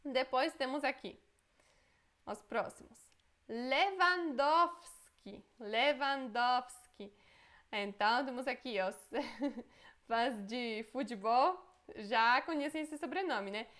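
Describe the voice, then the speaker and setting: A woman gives a language lesson in a fairly high voice. She speaks slowly and deliberately, pronouncing each word carefully twice, then adds quick asides to explain. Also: a bit bright. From Poland. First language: Polish. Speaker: Polish language teacher. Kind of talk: language lesson, reading words aloud and explaining.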